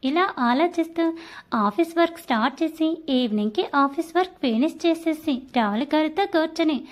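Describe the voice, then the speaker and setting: A woman with a high voice narrates a story for an audiobook. Her reading is gentle and expressive. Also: normal speed.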